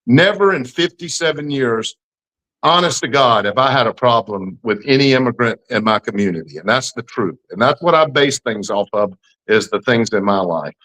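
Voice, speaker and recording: A man's voice: mid-range voice, expressive, normal speed, a bit bright, low-quality recording. A man in his fifties with an Alabama Southern accent, answering interview questions in a folksy, plain-spoken, emphatic way. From Alabama, United States. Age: 50s. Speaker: political candidate being interviewed.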